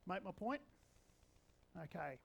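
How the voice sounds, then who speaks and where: High-voiced man in his sixties preaching. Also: very animated, slow, creaky, low-quality recording. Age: 60s. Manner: conversational, with wry humour. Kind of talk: sermon.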